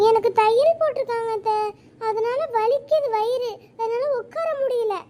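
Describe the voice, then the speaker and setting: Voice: very high-pitched, moderate pace, dark tone, slight background noise. A performer voicing a timid young village mother in a cartoon, answering meekly and politely. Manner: meek, polite, hesitant. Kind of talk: cartoon voice acting.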